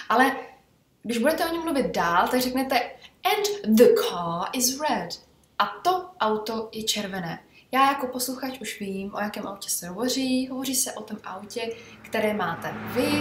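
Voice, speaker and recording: A woman's voice: fairly high pitch, a bit bright, far from the mic, slight background noise. Chatty woman teacher in an echoey room. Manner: chatty, checks in with "ok?" and "jo?". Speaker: English teacher. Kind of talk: explanatory language lesson.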